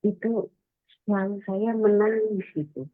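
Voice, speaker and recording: A woman calling in on a faint phone line, sounding far off with the phone held away, speaking softly and hesitantly. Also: medium pitch, steady tone, a little slow, no echo, faint music behind. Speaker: caller. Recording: tinny distant phone line.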